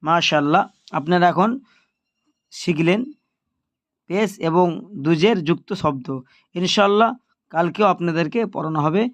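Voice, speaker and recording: High-voiced man teaching Quran reading. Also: fairly bright tone, no room sound. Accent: Bangladeshi Bengali. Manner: patient, spells syllables slowly then blends them. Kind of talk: spelling-out recitation lesson.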